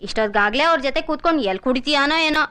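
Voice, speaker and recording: A woman's voice: high-pitched, very fast, noisy background, close to an everyday voice. An actress playing a young woman defensively explaining herself in film dialogue. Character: young woman defending the man she loves.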